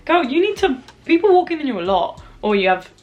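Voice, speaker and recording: A young British woman speaks in a fairly high voice, as if dishing gossip to friends. Her delivery is gleeful, giggly and expressive, moving between reading things out and reacting casually as a vlog host. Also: a little fast, lo-fi sound, soft background music. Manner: chatty, expressive, mildly swearing. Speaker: video host.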